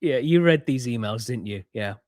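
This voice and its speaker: A man's voice: medium pitch, animated, normal speed, a crowd in the background. A man chatting as a podcast guest, laid-back and hesitant, often stumbling over his words. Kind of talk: casual chat.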